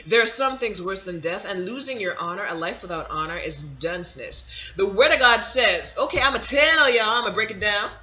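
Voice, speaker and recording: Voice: mid-range voice, expressive, brisk, pushed and bright. A vlogger talking in a rambling, digressive casual monologue, full of restarts, slang and emphatic "let me break it down" asides. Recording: dull lo-fi audio.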